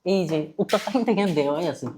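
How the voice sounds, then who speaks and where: Bangladeshi-accented physics tutor, chatty lecture, repeats and quizzes, mid pitch. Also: expressive, racing, darkish tone, slight background noise. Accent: Bangladeshi Bengali. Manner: conversational, quizzes students, repeats points, mixes in English terms. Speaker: physics teacher. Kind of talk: online class lecture.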